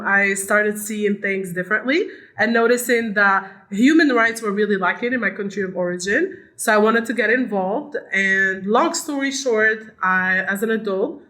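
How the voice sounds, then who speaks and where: A woman's voice: mid-range voice, normal speed, hardly any pauses, pushed and bright. A woman from Algeria, a podcast guest telling her personal story in a friendly way. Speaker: guest, PhD student. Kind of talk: casual interview talk.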